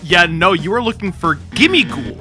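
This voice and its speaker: Man, thirties, Long Island accent, animated, bright forceful tone, dramatic gaming banter, close mic. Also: high voice, moderate pace, soft background music. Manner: excitable, swearing, dramatic. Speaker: gaming challenge player. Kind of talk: casual gameplay banter. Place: small indoor room with a drum kit. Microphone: close boom-arm microphone.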